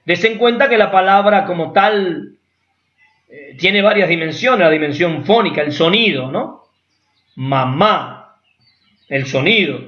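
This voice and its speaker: Man, lecturer, fairly high voice, roomy echo, muffled lo-fi sound. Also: expressive, measured pace, fairly bright tone. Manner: explanatory, with rhetorical asides and acted examples. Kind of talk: academic lecture. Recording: echoey room, dull lo-fi sound.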